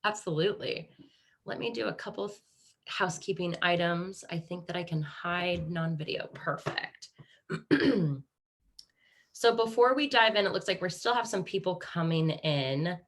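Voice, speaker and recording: Hosting a live online panel over a video call, a webinar host from Kansas speaks with an American Midwest accent. Her slightly low voice is upbeat and encouraging, with lively intonation and a measured pace, and she often restarts sentences mid-thought.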